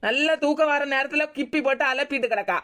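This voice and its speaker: A woman voicing a sharp-tongued young daughter-in-law. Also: sits high, quick pace. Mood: irritated. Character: young village daughter-in-law, weary and defiant.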